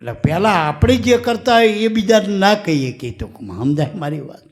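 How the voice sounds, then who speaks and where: A man's voice: high voice, expressive, brisk. Man giving a folksy devotional discourse. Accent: Gujarati. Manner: folksy, storytelling, addresses listeners as "my dear". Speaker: spiritual teacher.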